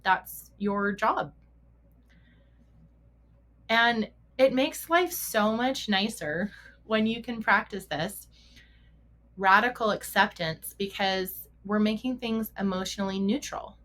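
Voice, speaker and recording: A woman's voice: medium pitch, measured pace, a bit bright. A middle-aged woman hosting a podcast as a mental performance coach for riders, talking casually, asking rhetorical questions, correcting herself and laughing often. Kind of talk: casual solo podcast talk.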